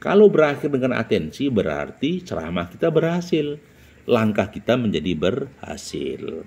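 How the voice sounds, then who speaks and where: A man's voice: big pitch swings, normal speed, vocal fry, warm tone, husky. A man teaching public speaking, stressing each numbered point and asking rhetorical questions. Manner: emphatic, jumps up in pitch to announce each numbered point; rhetorical questions, frequent "nah" and "ya". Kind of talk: instructional talk.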